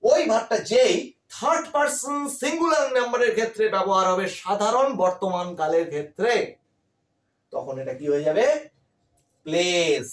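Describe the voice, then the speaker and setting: Animated teacher in an echoey room. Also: male voice, high voice, moderate pace, recorded from a distance. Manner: animated, asks the class questions and answers them himself. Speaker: English grammar teacher. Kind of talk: classroom lecture in Bengali.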